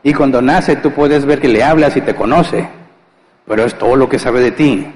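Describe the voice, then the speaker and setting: Man, pastor, conversational sermon, rhetorical questions, middle pitch, long hall reverb. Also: normal speed, darkish tone. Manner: conversational, asks rhetorical questions and answers them; acts out household scenes with humor. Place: church.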